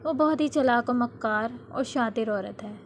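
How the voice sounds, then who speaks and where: Lady reading out a sweet earnest young husband, pleading and tender, a bit high. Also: a little hiss or hum, lightly acted.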